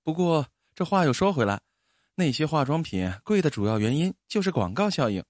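Man doing a middle-aged wife, higher voice, thrifty, sharp-tongued, scolding. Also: big pitch swings, no echo, studio quality. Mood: reassuring. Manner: quick, scolding, coaxing tones. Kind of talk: storytelling with character voices.

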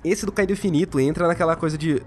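A man's voice: on the high side, fast, slight background noise. A young Brazilian man giving a casual, blunt and opinionated game review, swearing freely. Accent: Brazilian Portuguese. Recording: faint music behind the voice.

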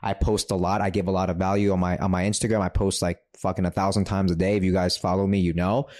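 Man, from New York, fairly low voice, brash, swears a lot, podcast guest. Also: quick pace. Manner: brash, profane, animated storytelling. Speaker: podcast guest, credit repair entrepreneur. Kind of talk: casual podcast chat.

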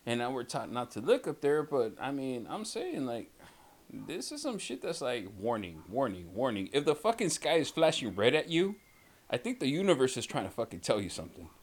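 Swearing, animated podcast co-host, a man. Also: mid-range voice, a little fast. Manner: profane, rambling, swears constantly. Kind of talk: casual chat.

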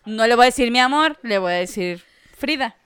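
A woman with a Mexican accent co-hosts a podcast chat in a high, bright voice. She talks bluntly in heavy slang. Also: lively intonation, fairly quick, clean tone. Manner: blunt, slangy, laughs often. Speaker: podcast co-host.

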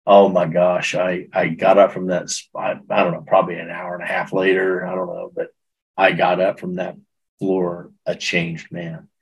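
A middle-aged man with a very low, heavily husky voice tells his story in an interview. He speaks earnestly and with feeling, circling back and restarting phrases as he goes. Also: completely flat delivery, normal speed, dull audio. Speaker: guest. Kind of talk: personal testimony in conversation.

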